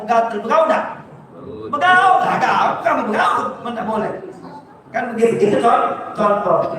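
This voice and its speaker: A man with a Palembang Malay accent delivers a dawn mosque sermon in a strikingly high voice. He jokes and demonstrates his examples, chuckling as he goes. The sound is heavily echoey and captured from far off in the mosque. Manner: joking, demonstrative, chuckling between points. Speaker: preacher. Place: mosque hall.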